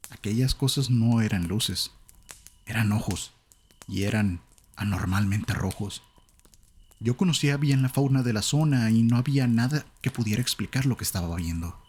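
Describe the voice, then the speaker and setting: Male narrator, low voice, Latin American Spanish accent, calm measured horror storytelling, faint hiss in the recording.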